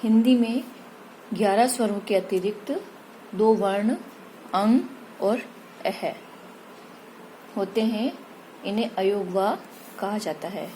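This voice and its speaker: A woman teaching Hindi grammar, patiently explaining vowels and spelling out each example slowly. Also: mid-range voice, warm tone, a little hiss or hum, poor audio. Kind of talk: slow explanatory lesson.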